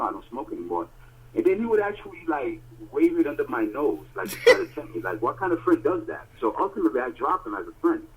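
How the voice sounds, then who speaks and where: On a tinny phone line, a podcast co-host with a husky, mid-range voice shares stories. His delivery is casual, animated and emphatic, with many fillers.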